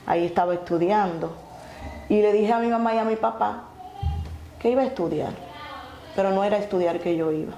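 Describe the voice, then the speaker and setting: A woman telling her testimony earnestly, halting and restarting often. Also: mid-range voice, dark tone. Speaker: guest sharing her testimony. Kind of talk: emotional personal testimony. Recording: echoey room with faint noise.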